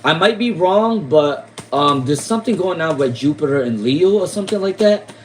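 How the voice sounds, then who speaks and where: A man's voice: a little high, animated, moderate pace, a little hiss or hum, rough recording. A man from Rhode Island giving casual tarot readings on a live stream, repeating names and questions with many fillers. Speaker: tarot reader.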